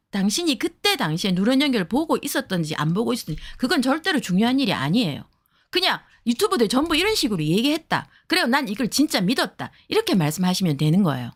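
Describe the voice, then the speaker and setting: A woman talking heatedly to her viewers in a blunt, profane way, acting out the people she quotes. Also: fairly high pitch. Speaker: streamer giving advice to viewers. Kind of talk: heated casual talk to viewers.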